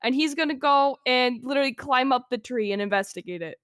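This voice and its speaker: A woman's voice: high-pitched, brisk, a bit bright, no room sound, studio quality. A woman playing a tabletop game, jokey and brash. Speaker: player.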